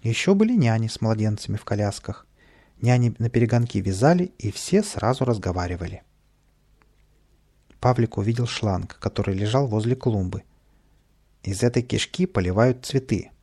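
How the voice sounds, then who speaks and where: Gravelly male storyteller. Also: on the low side, normal speed. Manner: lively, expressive narration. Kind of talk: children's story reading.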